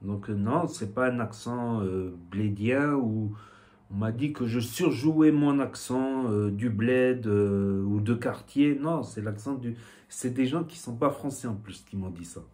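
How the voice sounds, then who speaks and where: A man from southwest France, a YouTuber, rambles casually to the camera in a vlog, filling it with fillers and repeated "voilà"s. His mid-range, darkish voice moves a little slowly, shaped by a southwestern French accent.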